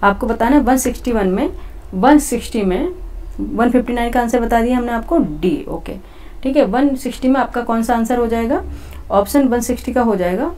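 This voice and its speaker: A woman's voice: on the high side, normal speed, dark tone. A woman teacher working through exam questions step by step, repeating herself and saying "okay" often as she talks to her students. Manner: repetitive, says "theek hai" often; explains step by step, talking to students. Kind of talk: exam-prep lesson.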